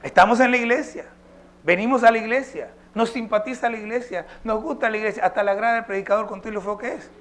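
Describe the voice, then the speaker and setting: A man's voice: high-pitched, fast, fairly bright tone. A male pastor preaching a sermon, emphatic and posing rhetorical questions to his congregation.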